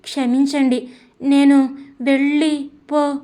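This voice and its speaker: A woman's voice: high voice, level tone, dark tone. A woman voicing a timid, frightened young wife who pleads through tears in an audio story. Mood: tearful. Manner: tearful, pleading, slow. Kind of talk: audiobook character voice.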